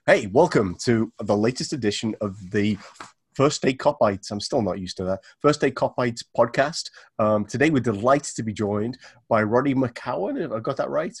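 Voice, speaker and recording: A man's voice: mid-range voice, animated, normal speed, husky. A man hosting a podcast, opening the show casually with self-deprecating asides and frequent ums. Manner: loose, self-deprecating, filler-heavy. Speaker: podcast host.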